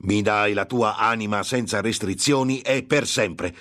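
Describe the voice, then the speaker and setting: A man voicing a gloating, impatient male demon who tempts a monk, drawing out his words slowly and menacingly. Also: lowish voice, a bit bright, voice pushed up. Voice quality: slow, drawn-out menacing delivery.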